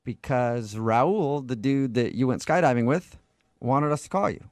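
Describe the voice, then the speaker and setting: A man's voice: mid-range voice, no room sound. A man hosting a radio morning show, chatting and teasing his guest in a casual, joking way. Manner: teasing, joking, quick delivery. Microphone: studio microphone.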